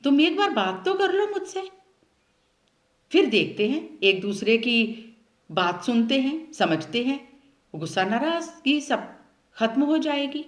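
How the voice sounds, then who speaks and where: A woman's voice: high voice, big pitch swings, a little slow, pauses often, pitched above the performer's own voice. A woman voicing a clever female fox who coaxes and pleads in a sweet, sing-song way in a storybook tale. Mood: pleading. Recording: roomy echo.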